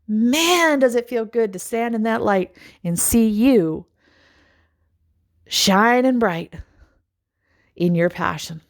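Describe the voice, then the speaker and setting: A woman's voice: a little high, lively intonation. Musing, rambling middle-aged woman. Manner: musing, rambling, with sighs and pauses. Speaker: life coach. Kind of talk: personal reflective monologue.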